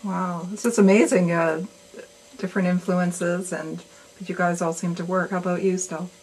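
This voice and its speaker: A woman's voice: fairly low pitch, steady tone, moderate pace, a little mellow, husky, rough recording. A woman interviewing a band at a lounge bar, chatty and enthusiastic. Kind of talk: interview hosting.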